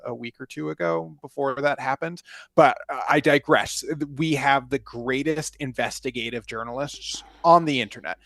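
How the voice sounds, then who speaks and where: A man's voice: medium pitch, creaky, a bit bright, no room sound. A man co-hosting a wrestling podcast, rambling through a story with sarcastic asides. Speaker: podcast co-host. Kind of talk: casual chat.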